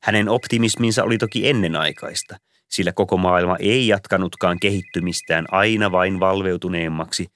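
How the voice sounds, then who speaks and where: A man's voice: deep voice, fairly bright tone. A man voicing a long-winded, pompous old male Santa Claus in an audiobook reading, rambling on like a lecturer. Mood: lecturing.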